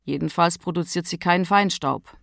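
A woman voicing a calm, formal, bearded Santa Claus in a storybook reading, unruffled and matter-of-fact. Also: fairly low pitch, normal speed, creaky, no room sound, clean studio sound.

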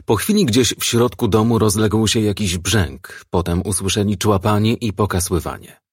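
A man narrates a crime novel in a low, husky voice with a steady, measured reading. The sound is close and dry, with no room around it. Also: dry recording.

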